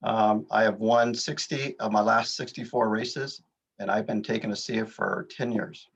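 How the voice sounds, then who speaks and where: A man's voice: on the low side, steady tone, normal speed, vocal fry, husky, highs cut off. A man in his sixties, an athlete on a panel, introducing himself plainly and steadily on a video call. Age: 60s.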